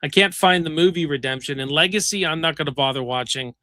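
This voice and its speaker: A man hosts a casual livestream with a bright, forceful voice pitched a little above the usual. He reads viewer comments aloud with plenty of ums and uhs. The sound is dry and close. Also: fast talker, no room sound. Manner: reads chat comments aloud, many fillers. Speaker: livestream host.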